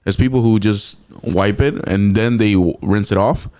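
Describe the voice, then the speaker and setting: A man hosting a casual podcast chat, his voice on the low side. He is laid-back and teasing, dropping casual swear words. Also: moderate pace, dark tone.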